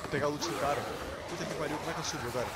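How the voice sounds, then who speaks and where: A Brazilian man hosting a gaming channel, commenting on gameplay in casual, excitable chat and swearing freely at the viewers. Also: a little high, rapid-fire, very noisy. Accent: Brazilian Portuguese.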